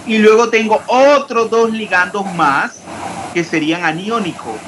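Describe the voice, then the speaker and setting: Speaking at a measured pace in a high-sitting voice, a man lectures an online chemistry class, questioning students and building up formulas step by step. Background noise is present.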